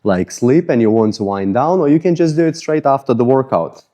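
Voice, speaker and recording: A medium-pitched man talking fairly quickly, with an Eastern European accent, leads a casual follow-along mobility routine. The fitness coach is sweaty right after exercising and jokes about his own tight muscles. He sounds relaxed, informal, and self-deprecating.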